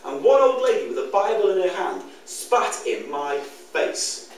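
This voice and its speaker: A British man tells dry, deadpan anecdotes from a comedy stage in a fairly high voice. He is far from the mic, and the hall echo is strong. A faint hiss sits behind him. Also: unhurried. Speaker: co-host, comedian. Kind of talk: stand-up storytelling.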